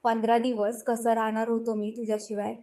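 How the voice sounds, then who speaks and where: A woman's voice: on the high side, completely flat delivery, normal speed, warm tone, natural voice. Woman voicing an earnest young husband. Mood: tender. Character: young husband, stern then tender. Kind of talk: audio story reading.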